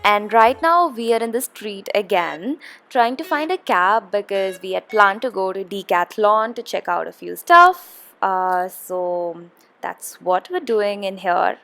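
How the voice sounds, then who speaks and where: A woman's voice: mid-range voice, a bit bright. A young woman from India narrating a casual travel vlog, chatty with frequent ums and uhs. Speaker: travel vlogger.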